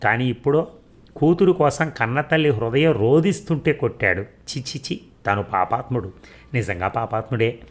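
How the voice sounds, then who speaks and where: A man narrating a short story in a measured, steady reading voice. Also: mid-range voice.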